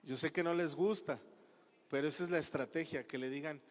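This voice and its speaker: A man's voice: fairly high pitch, a little fast. A man with a Mexican Spanish accent preaching a sermon as pastor, asking the congregation questions. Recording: long hall reverb.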